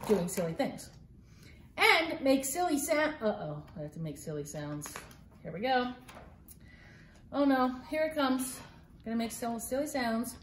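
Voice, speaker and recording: The recording, made on a phone camera a few feet away in a home living room, has a roomy sound and a slight hiss or hum. In it, a middle-aged woman with a slightly high voice reads a children's picture book with theatrical playfulness and mock-exasperated asides.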